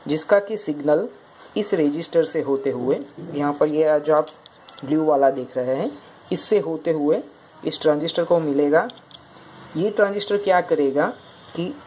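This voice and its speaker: A woman's voice: low-pitched, a little mellow, a little hiss or hum, rough recording. A woman explaining an electronics project step by step, pointing out each part as she goes. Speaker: project demonstrator.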